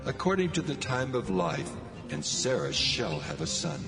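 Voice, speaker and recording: A man's voice: medium pitch, wildly swooping pitch, moderate pace. A man voicing God as a grave, majestic, commanding figure in a dramatized scripture reading. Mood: stern promise. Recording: long cavernous reverb, loud music behind. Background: music.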